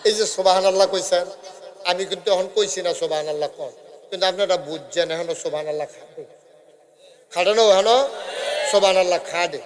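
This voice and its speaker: High-voiced chanting village preacher. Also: male voice, fairly quick, long pauses, background noise. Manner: sing-song chanting, quizzing the crowd, joking asides. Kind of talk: Bengali waz sermon.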